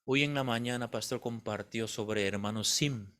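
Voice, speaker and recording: A man's voice: mid-range voice, normal speed, fairly bright tone. A male pastor preaching a sermon, telling a story with animation and often quizzing the congregation with questions.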